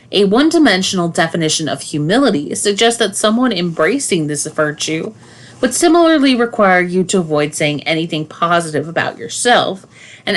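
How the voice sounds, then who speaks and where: A woman, a family therapist, reading her own nonfiction book aloud in a measured, deliberate, explanatory way. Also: medium pitch.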